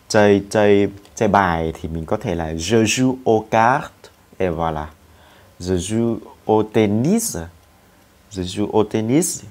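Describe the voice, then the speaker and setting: A man teaching French in an online lesson, patiently spelling out letters and drilling verb forms aloud. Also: fairly low pitch.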